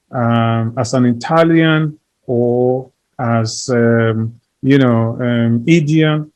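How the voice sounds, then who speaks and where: A mid-range, darkish male voice belongs to an earnest interview guest. His conversational advocacy is emphatic, full of repeated phrases and lists that keep growing.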